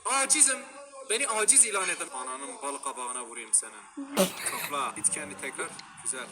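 A man with a regional Turkish dialect, commenting as he plays a frustrating climbing game, swearing, yelling and laughing. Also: on the high side, lively intonation, fairly quick, a loud crowd. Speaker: gamer streamer. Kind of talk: gaming commentary. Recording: loud game music behind.

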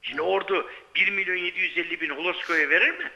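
High-pitched, sharp-voiced male phone-in caller. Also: steady tone, fast, creaky. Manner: insistent, argumentative, repeats points emphatically. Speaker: sports writer phoning in to a TV sports show. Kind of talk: live phone-in sports commentary, like a radio show caller. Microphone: telephone. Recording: muffled, band-limited live telephone line.

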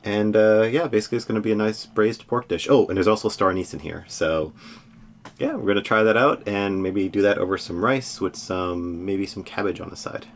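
Aboard a small boat, moving between the cabin and the deck, a man in his thirties narrates a sailing vlog straight to the camera. His voice is fairly low and quick, and he keeps things relaxed and chatty with little laughs.

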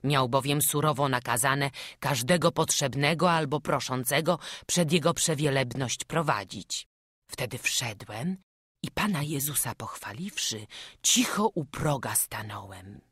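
A woman's voice: a bass voice, lively intonation, measured pace, fairly bright tone, breathy edge, no room sound, studio quality. Woman reading an old-style tale. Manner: voices village characters in old-fashioned dialogue. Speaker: audiobook narrator. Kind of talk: scripted audiobook narration.

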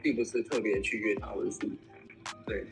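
A man chatting casually on a voice call, haltingly, often repeating his phrases. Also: on the low side, steady tone, vocal fry, music in the background. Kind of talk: casual chat.

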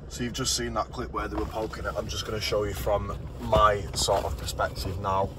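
Brisk and level, with a somewhat low voice, this British car restoration vlogger explains things in an informal, easygoing way. Scenes move between his car, the street and his computer, all caught on a noisy handheld recording full of vehicle ambience.

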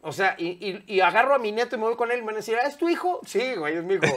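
A Mexican man in his fifties sits on a studio sofa and talks openly as an interview guest, with a lapel mic close to his voice. His voice sits a little high for a man. He speaks with animated energy and curses casually. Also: a little fast. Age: 50s. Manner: candid, animated, swears freely, gestures a lot.

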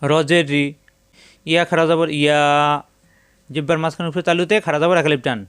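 Patient man teaching Quran spelling slowly. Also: fairly high pitch, fairly even intonation, fairly bright tone, smooth, no room sound. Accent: Bangladeshi Bengali. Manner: slow drawn-out chanting of Arabic words between plain explanations; patient, methodical, repeats each syllable. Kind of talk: step-by-step spelling and pronunciation lesson.

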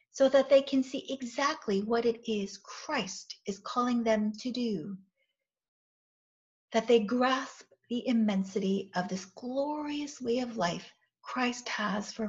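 A middle-aged woman pastor giving a measured, earnest sermon from a small office, recorded on a webcam. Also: on the high side. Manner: measured, earnest reflective preaching. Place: small indoor office with bookshelves. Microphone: webcam, seated facing camera. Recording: dull lo-fi webcam audio.

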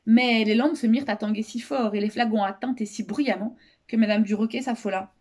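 A woman reading a children's novel aloud as a storyteller, expressive and lively, raising her voice for the characters' shouted lines. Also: a little fast. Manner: expressive, raises pitch for shouted quotes.

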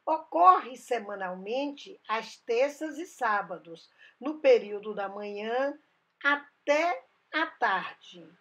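A woman's voice: fairly high pitch, expressive, slow, pushed and bright, slightly rough. A woman narrating a voice-over for her travel channel, going through dates and history carefully, with small restarts.

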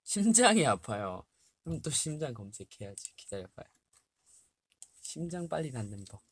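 A young man in his twenties hosts a livestream from a small bare room, chatting casually with fans, reading health tips aloud and laughing often. His mid-range voice is sing-song at a normal speed. The webcam sits at desk distance and picks up a little hiss or hum.

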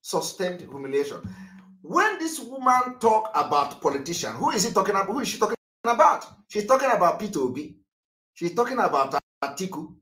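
A man's voice: high-pitched, sing-song, a little fast, sharp tone, roomy sound. A Nigerian man hosting a political livestream, hammering home key words over and over. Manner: emphatic and repetitive, heavy stress on key words. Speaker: livestream host.

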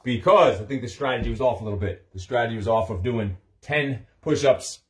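Guy in his forties chatting casually while he does push-ups, tired, medium pitched voice. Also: expressive, a little fast. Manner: talking while doing push-ups, physically exerted. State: tired from long exertion. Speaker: personal trainer doing a fitness challenge. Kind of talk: casual livestream chat. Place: small carpeted home office, indoors. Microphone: phone on a stand a step or two away.

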